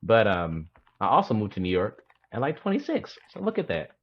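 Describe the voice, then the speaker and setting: A man's voice: fairly low pitch, wildly swooping pitch, fairly quick. A young man from Indiana, a podcast co-host joking and teasing over a remote call on headphones. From Indiana, USA. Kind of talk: casual podcast chat. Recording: dull lo-fi call audio.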